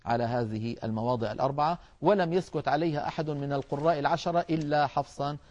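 Male recitation teacher, slightly high voice, measured and explanatory, dull lo-fi recording. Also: a little mellow. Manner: measured, explanatory, addresses listeners as brothers. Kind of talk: tajweed lesson.

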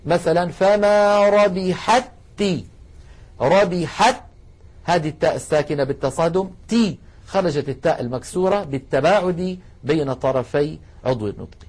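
A man lecturing a class, explaining carefully and slowing down to demonstrate sounds, asking students to try along. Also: a little high, a little mellow, breathy edge. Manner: addresses students directly, asks them to try along. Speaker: Quran recitation teacher.

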